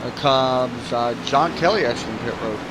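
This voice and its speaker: A man's voice: mid-range voice, normal speed. Laid-back man calling a sim race. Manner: laid-back, joking, talks while chewing. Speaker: race commentator and stream host. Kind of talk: casual sim-racing commentary. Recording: clear background noise.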